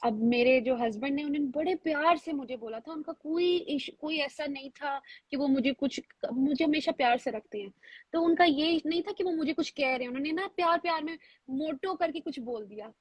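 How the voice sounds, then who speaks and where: A woman's voice: high voice, no room sound. A woman hosting a talk, chatty and affirming, relating the topic to her own life. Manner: chatty, shares personal stories, affirming. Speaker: host. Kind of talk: casual talk show chat.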